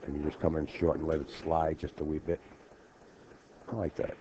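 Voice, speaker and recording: A man gives joking play-by-play commentary on a pool match, calling the score and bantering. His very deep voice is flat in delivery at a moderate pace, heard through dull lo-fi stream audio with faint noise.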